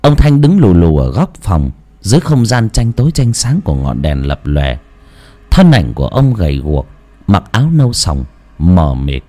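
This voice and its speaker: A man narrating a ghost story in a slow, ominous, dramatic style. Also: low voice, very animated, warm tone. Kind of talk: scripted horror narration.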